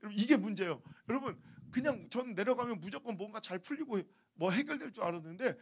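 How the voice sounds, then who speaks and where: 높고 허스키한 부흥회 설교자. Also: male voice, high-pitched, fast talker, slightly rough. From Chungcheong, Korea. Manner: animated storytelling, humorous. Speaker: guest revival preacher. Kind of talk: revival sermon. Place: church sanctuary.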